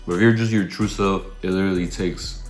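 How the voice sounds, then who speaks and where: A young man with a very low voice answers questions casually while eating, words muffled by a mouthful of food. He is laid-back and slangy, thinking aloud, in a roomy, echoey space with music behind him. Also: steady tone, fairly quick. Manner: mouth full, talking while eating cereal. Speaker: content creator.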